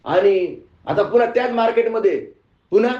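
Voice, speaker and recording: A man's voice: high-pitched, moderate pace. A male spiritual teacher telling a story in a sermon and asking his audience questions. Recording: echoey room, muffled sound.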